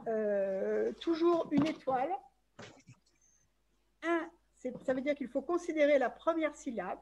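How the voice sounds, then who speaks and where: High-voiced woman demonstrating a game. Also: darkish tone. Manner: walks through game rules step by step. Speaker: game presenter. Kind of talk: online webinar demonstration.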